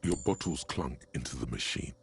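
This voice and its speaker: Brief: a grave game narrator, extremely deep and gravelly, deliberate pacing. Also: male voice, expressive, a little hiss or hum.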